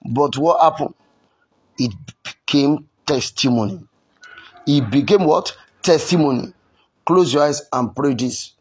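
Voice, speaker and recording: Husky-voiced fervent evangelist man. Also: a little high, a little slow, long pauses. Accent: Yoruba-accented English. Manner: shouts, chants and speaks in tongues. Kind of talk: fervent prayer sermon.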